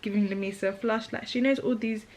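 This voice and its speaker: A woman's voice: medium pitch, steady tone, quick pace, darkish tone, poor audio. A woman, chatting candidly in her vlog as a mother, often laughing, with a catch of emotion. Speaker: vlogger and mother. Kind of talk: casual chat.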